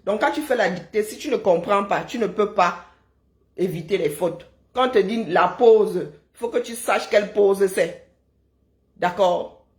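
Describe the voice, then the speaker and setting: A woman's voice: medium pitch, measured pace. A middle-aged woman, chatting casually on a live stream and answering viewers in a teasing, sarcastic way, often tagging her sentences with "hein?". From Kribi, Cameroon.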